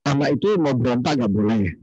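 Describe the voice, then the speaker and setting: Husky guy hosting a church call, asks slow questions, dry sound. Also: mid-range voice, lively intonation, darkish tone, no room sound, highs cut off. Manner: slow, questioning, with casual asides. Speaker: discussion host. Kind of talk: moderating an online church discussion.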